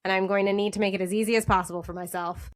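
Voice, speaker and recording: A woman's voice: mid-range voice, steady tone, very fast. A woman hosting a podcast, talking eagerly in casual chat and often restarting her sentences.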